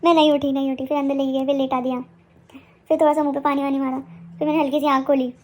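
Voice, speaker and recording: High-voiced young woman telling a story. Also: rapid-fire. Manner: animated retelling, acting out what others said. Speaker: vlogger. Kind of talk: casual storytelling to camera.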